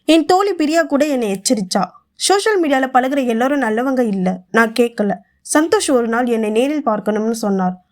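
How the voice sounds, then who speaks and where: A woman tells a story in the first person, as if making a quiet confession. Her voice sits a little higher than most, and she keeps a soft, even way of telling it.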